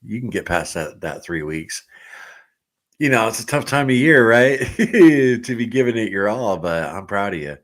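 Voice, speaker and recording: Middle-aged guy w/ a deep voice chatting on a livestream, reading comments, laughing a lot. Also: normal speed. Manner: relaxed, chatty, laughs often, reads comments aloud. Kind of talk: casual livestream chat.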